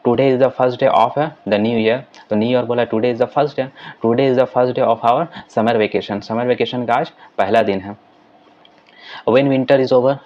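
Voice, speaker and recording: A man teaches English in Hindi, reading English sentences slowly and then explaining them quickly. He keeps using "ठीक है" as a filler as he goes. His voice is mid-range, and the highs are cut off.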